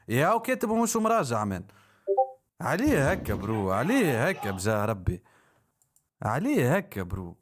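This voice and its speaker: A man comments live on a rap song as a streamer. He talks in excitable, repetitive bursts and throws in mock-exasperated exclamations. His voice sits at an ordinary middle pitch.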